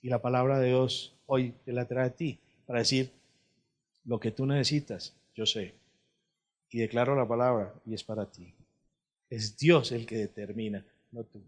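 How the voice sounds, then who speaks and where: A man preaching a sermon as pastor, moving from quiet, low passages to loud, high appeals and asking his listeners questions.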